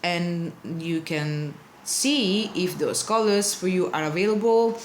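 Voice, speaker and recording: With a fairly low voice and an unhurried pace, a woman whose first language is not English talks casually through a card-altering tutorial. She is chatty and apologetic, often groping for words, and a little hiss or hum is audible.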